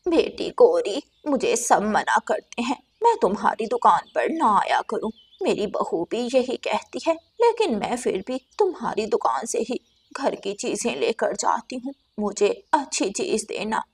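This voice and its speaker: A woman's voice: a little high, big pitch swings, a little slow, husky, exaggerated voice. Woman doing a grumbling old grandmother sparrow. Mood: chatty. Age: older. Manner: soft and grumbling, stubborn. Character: grumpy old grandmother sparrow, thrifty mother-in-law.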